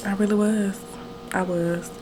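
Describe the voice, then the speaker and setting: A woman's voice: medium pitch, level tone, measured pace, warm tone, low-quality recording. A nineteen-year-old woman telling a story on her own podcast, chatty and rambling, often correcting herself mid-sentence. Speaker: podcast host. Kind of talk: casual storytelling.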